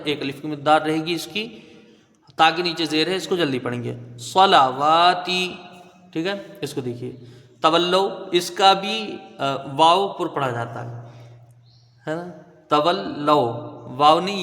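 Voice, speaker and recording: Patient male Quran tutor with bright tone. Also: on the high side, big-room sound. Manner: patient, drawn-out chanting of each word, frequent "theek hai?" checks. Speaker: Quran recitation teacher. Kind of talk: tajweed lesson, spelling out letters then chanting words.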